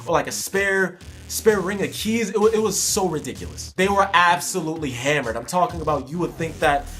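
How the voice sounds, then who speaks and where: A young man with a noticeably high voice tells a personal story in a casual vlog style. His delivery is slangy and emphatic, circling back to repeat his points. Soft music plays faintly behind him. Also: lively intonation, brisk. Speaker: storytelling vlogger.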